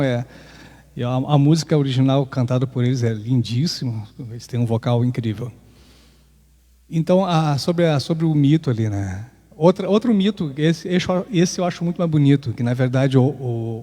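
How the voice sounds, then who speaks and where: A man's voice: mid-range voice, warm tone, big-room sound. A man with a Brazilian Portuguese accent hosting a podcast, talking casually and reflectively, often restarting his sentences. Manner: hesitant, many restarts, reflective. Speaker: podcast host. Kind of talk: casual talk on Afro-Brazilian myths, with sung chant.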